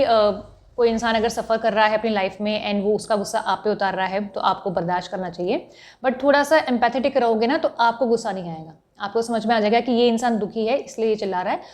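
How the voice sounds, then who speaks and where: Woman giving calm self-help advice. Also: fairly high pitch. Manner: explains patiently, repeats points, often asks "ठीक है". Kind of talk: motivational talk to camera.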